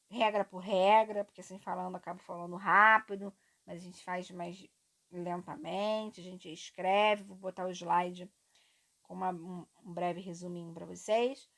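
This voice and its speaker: A woman teacher from Brazil, lively and encouraging as she talks students through a grammar exercise. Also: lowish voice. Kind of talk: classroom lesson explaining exercises.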